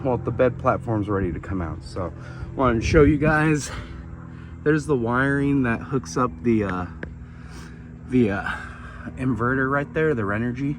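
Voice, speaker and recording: Male vlogger, relaxed and chatty, mid-range voice, filler-heavy, outdoor parking lot with faint noise. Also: mid-range voice, measured pace, long pauses. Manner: laid-back, chatty, lots of fillers. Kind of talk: casual vlog.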